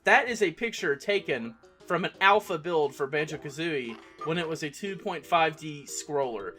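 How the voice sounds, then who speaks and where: A let's play host, a woman, chats casually about the game as she plays, laughing at herself, with faint game music in the background. Her low-pitched voice is animated and fairly bright, moving at a moderate pace.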